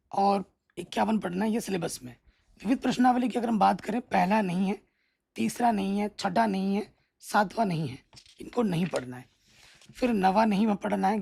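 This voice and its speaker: Gravelly, husky-voiced male maths teacher. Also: high voice, a little mellow. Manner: instructive, keeps checking in with students. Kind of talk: exam syllabus walkthrough lesson.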